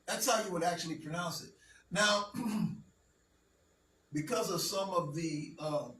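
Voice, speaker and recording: A male teacher leads a classroom lesson in a high, sharp-toned voice, speaking slowly and deliberately and often pausing to make sure students are following. He's recorded from afar in an echoey room, with a faint hum in the background.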